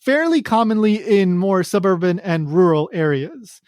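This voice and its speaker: Man, fairly high voice, rambling podcast host, lots of ums and restarts, dry close sound. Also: animated, normal speed, a little mellow, no echo. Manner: rambling, many fillers and restarts. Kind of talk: casual podcast chat.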